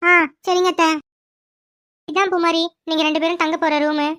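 A woman's voice: very high-pitched, flat delivery, moderate pace, fairly bright tone. A woman voicing a put-upon young wife in a cartoon, whiny and grumbling about her mother-in-law. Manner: whiny, grumbling under breath. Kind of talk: cartoon voice acting.

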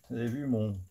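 A man's voice: medium pitch, noisy background. A man hosting a live stream, chatting casually, thinking aloud and talking straight to his viewers. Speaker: host of a live scale-modeling stream.

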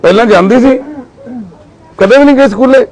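A man's voice: very high voice, brisk, darkish tone, poor audio. A man working as a social worker, interviewing people on a roadside with probing and consoling questions. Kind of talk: on-the-spot interview.

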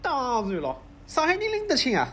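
Bantering young sitcom friend played by a woman, Shanghai accent, high voice, comic dub, loud ambient noise behind. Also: huge pitch swings, moderate pace. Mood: expressive banter.

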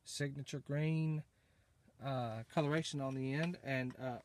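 A man's voice: mid-range voice, fairly even intonation, unhurried, a little mellow. A man co-hosting off camera, casually chatting about outdoor gear and prompting a child, recorded on a handheld phone in a small hunting blind. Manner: prompting a child with leading questions. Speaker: off-camera interviewer and co-host.

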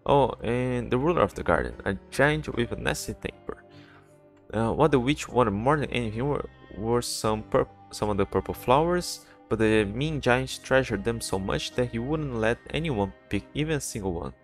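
A man reading the lines of an earnest, gentle little girl telling a story, with hesitant restarts and faint game music behind. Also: medium pitch, expressive, moderate pace, lightly acted.

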